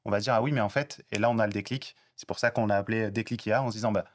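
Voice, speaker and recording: A man's voice: fairly low pitch, steady tone, racing, a little hiss or hum. A man on a panel at a business talk, explaining his points steadily through everyday examples.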